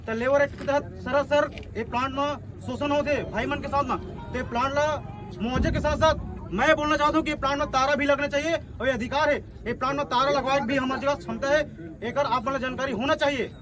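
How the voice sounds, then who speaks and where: A man with a Chhattisgarhi accent giving a forceful protest speech outdoors as an activist coordinator, asking rhetorical questions and repeating his points. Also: very high-pitched, steady tone, brisk.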